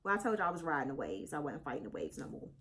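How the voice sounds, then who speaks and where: A middle-aged woman vlogging casually to her viewers, chatty and animated, slightly congested, calling them y'all. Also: low voice, racing, a little hiss or hum. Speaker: crochet vlogger. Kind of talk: casual chat to camera.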